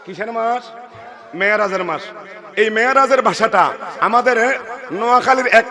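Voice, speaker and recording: A man with a Chittagonian accent preaching an Islamic sermon, calling on the crowd to answer and breaking into slow chanted verses. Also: high-pitched. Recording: loud crowd, live event sound.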